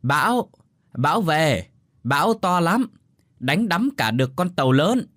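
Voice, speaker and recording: A man voicing a loud, bossy elderly village woman who shouts and fusses at her deaf neighbor in an audio story. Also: medium pitch, very animated, a little fast, dry recording, clean studio sound, pitched above the performer's own voice, natural voice. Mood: urgent shouting. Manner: shouting, urgent, scolding.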